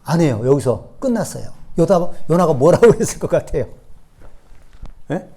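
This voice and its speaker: Animated Korean pastor preaching. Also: male voice, on the high side, normal speed. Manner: animated storytelling, asks the congregation "예?" often; acts out biblical speech in raised voice. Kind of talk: sermon.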